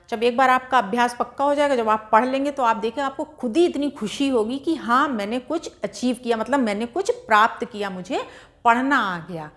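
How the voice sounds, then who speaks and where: A woman's voice: on the high side, fairly bright tone. A woman teaching beginners to read, patiently sounding out each syllable and then blending them into whole words, with encouraging questions to her learners. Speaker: Hindi reading teacher. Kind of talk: slow, patient spelling-out lesson.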